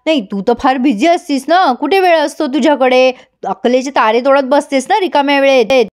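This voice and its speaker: A woman voicing a meek, henpecked husband who tries to calm his wife. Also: high voice, brisk, close to an everyday voice. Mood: irritated. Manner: placating. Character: henpecked middle-aged husband, meek then snapping.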